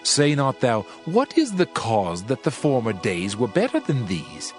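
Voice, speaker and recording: A man acts the part of a solemn, reflective preacher of ancient wisdom, declaiming scripture in measured fashion for a dramatized audio Bible. His medium-pitched voice swings hugely in pitch, and music runs beneath it.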